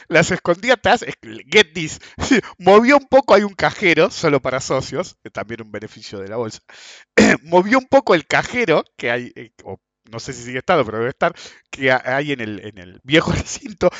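A man with an Argentine accent, hosting a podcast and telling anecdotes in a casual way, often clearing his throat and chuckling as he goes. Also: a little high, a bit bright, no room sound. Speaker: podcast host. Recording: dull lo-fi dry sound.

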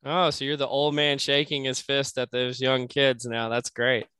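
A man hosts a podcast interview and teases his guest in an easygoing way. His voice is smooth and resonant, and the room is dry, with no echo. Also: mid-range voice, flat delivery, normal speed, pushed and bright. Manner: easygoing, teasing. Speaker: podcast host. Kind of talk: casual interview chat.

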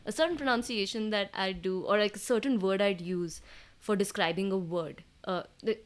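A woman's voice: mid-range voice, normal speed. A woman from South India with a South Indian accent, chatting casually in an explanatory way and agreeing emphatically. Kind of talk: casual conversational discussion.

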